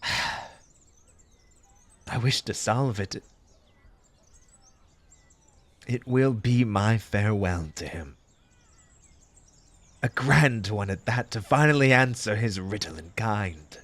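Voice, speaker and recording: A man voicing a grieving, eccentric March Hare, a mannered gentleman speaking formally and theatrically in an ASMR roleplay, halting with emotion. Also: on the low side, animated, dry recording, heavily acted. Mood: melancholy, resigned. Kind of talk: ASMR roleplay character monologue.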